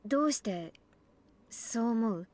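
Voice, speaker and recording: A woman's voice: fairly high pitch, lively intonation, moderate pace, a little mellow. A woman playing a teenage schoolgirl who hides resentment behind feigned concern, in a Japanese visual novel. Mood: uneasy.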